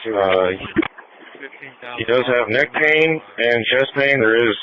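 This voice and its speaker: A man's voice: medium pitch, expressive, slow, dull audio, crowd noise. A man giving a methodical, matter-of-fact patient report as a medic over a two-way radio.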